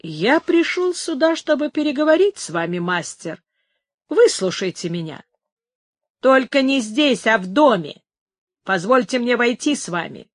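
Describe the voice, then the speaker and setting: A woman's voice: on the high side, big pitch swings, measured pace, dry recording, clean studio sound, pitched above the performer's own voice. A woman reading a giant, insistent stranger. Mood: pleading. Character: huge imposing man, insistent and secretive.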